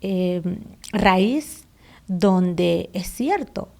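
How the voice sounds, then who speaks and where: A woman's voice: fairly low pitch, expressive, very slow, vocal fry, darkish tone. A woman hosting a podcast, asking reflective questions in a thoughtful, slightly hesitant way. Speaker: podcast host. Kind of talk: conversational interview.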